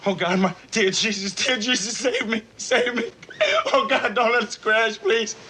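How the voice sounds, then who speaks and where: A man's voice: sits high, steady tone, normal speed, sharp tone, a little hiss or hum. An actor playing a young man, a traumatized airman reliving a crash in a 1960s film, frantic, pleading and sobbing. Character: panicked young male bomber airman in a flashback.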